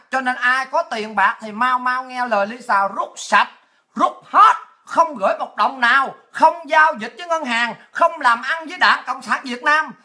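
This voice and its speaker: On her livestream talk show, a woman from Vietnam rants abusively and crudely, repeatedly breaking into laughter. She speaks sharply and forcefully, with a pitch on the high side.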